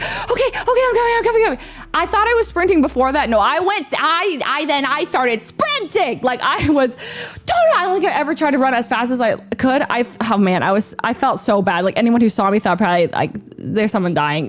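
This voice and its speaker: A young woman streamer casually telling a story, acting out her own lines with sudden high-pitched bursts.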